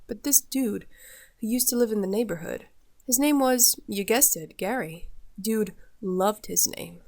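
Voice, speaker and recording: A woman with a sick voice doing casual let's play commentary, reading game text aloud and swearing freely in wry asides. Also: medium pitch. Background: game music.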